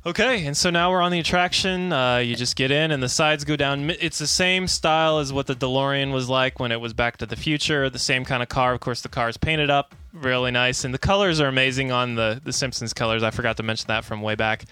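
A man's voice: medium pitch, brisk, few pauses, sharp tone, clear, resonant tone, faint music behind. A man co-hosting a casual review, rambling and enthusiastic. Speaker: co-host reviewing a theme park attraction.

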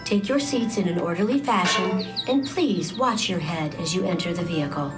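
A woman's voice: fairly low pitch, normal speed. A woman reading a scripted, airport-style safety announcement in a formal, instructional way. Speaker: safety announcer on a theme park ride. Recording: loud music behind. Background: loud music.

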